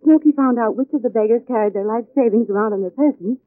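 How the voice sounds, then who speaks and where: A woman's voice: a little high, quick pace, dry recording, close to an everyday voice. A woman playing a detective's devoted, inquisitive lady companion in a 1940s radio drama. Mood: curious, relieved. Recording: tinny old radio recording.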